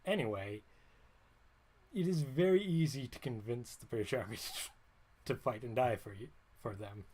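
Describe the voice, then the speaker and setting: A man's voice: medium pitch, normal speed, pauses often, a little mellow, a little hiss or hum. A man streaming, talking in a rambling, wry way and often stopping to correct himself mid-sentence. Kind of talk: casual livestream monologue.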